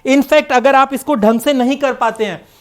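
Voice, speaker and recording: Her voice sits high and her speed is normal as this English teacher, who has an Indian accent, walks students through an exam-prep grammar lecture step by step. She slips English terms into Hindi. She's coughing and in need of water.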